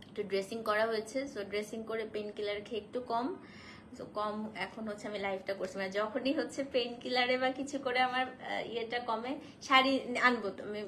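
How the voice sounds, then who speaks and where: A woman hosting a casual live stream to sell saris, feverish and in pain, speaking slowly and softly and mixing in English phrases. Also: on the high side, steady tone, a little hiss or hum. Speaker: online shop owner selling saris on a live stream.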